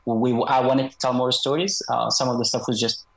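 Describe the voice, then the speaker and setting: A man's voice: medium pitch, little pitch movement, brisk, creaky, a bit bright, low-quality recording. Man with slightly altered, disguised voice. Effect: slight voice disguise processing. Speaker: interview guest, author and former military unit member. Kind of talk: conversational interview answers.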